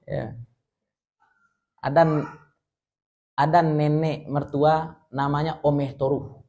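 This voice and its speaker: A male Islamic teacher with a Minangkabau accent gives a lively lecture. He explains Arabic words and jokes with his listeners. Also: a little high, slow. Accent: Minangkabau Indonesian. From West Sumatra. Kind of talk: religious study lecture.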